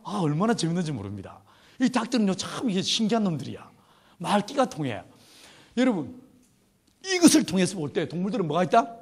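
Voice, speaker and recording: A man's voice: sits high, sing-song, brisk, pauses often, slightly rough. A middle-aged man preaching a humorous sermon at a youth retreat, telling stories with playful laughter. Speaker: pastor.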